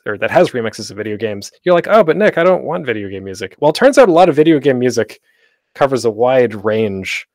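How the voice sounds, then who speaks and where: A man with a mid-range voice hosts an online panel teaching audio drama production, talking informally, rambling and often cutting himself off. The recording is close and dry, made at home, with no echo and studio quality.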